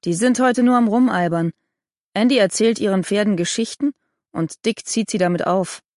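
A woman's voice: medium pitch, moderate pace, darkish tone, no echo, studio quality, lightly acted. A woman voicing an impatient teenage girl rider who teases her friends. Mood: impatient, teasing.

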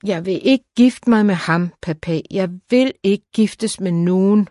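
A woman's voice: on the low side, dark tone, dry recording, clean studio sound, lightly acted. A woman narrator voicing a tearful, childlike young noble daughter who pleads in a trembling voice. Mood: tearful pleading.

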